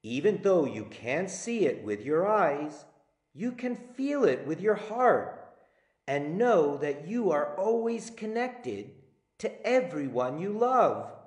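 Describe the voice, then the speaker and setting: A man voicing a gentle, reassuring mother in a storybook read-aloud. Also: a little high, very animated, takes it slowly, echoey room, voice pushed up.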